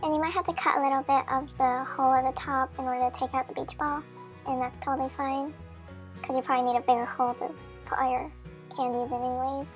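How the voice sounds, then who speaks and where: A woman's voice: sits high, flat delivery, quick pace, faint music behind. Woman's sped-up chipmunk voice. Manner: chatty, friendly instructions with small slips. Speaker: craft tutorial maker. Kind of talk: casual how-to voice-over.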